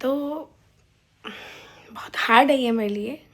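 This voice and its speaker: A woman talking casually to her viewers in a personal vlog, soft and subdued, sometimes dropping almost to a whisper. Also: fairly high pitch, takes it slowly. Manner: coos and calls out playfully to her baby daughter. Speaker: vlogger.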